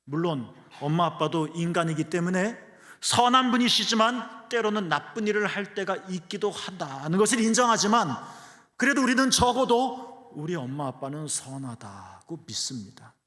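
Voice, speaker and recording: A male pastor preaching a sermon, earnest, dropping to hushed low phrases and then rising to emphatic ones. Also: big pitch swings, moderate pace. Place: church sanctuary. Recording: long church hall reverb.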